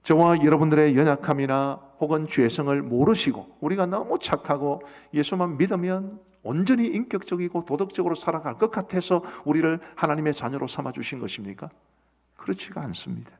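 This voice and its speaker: Middle-aged male pastor, gravelly mid-range voice, earnest questioning sermon, long church reverb. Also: a little high, lively intonation, fairly quick, darkish tone. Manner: earnest, asks the congregation questions. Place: church sanctuary.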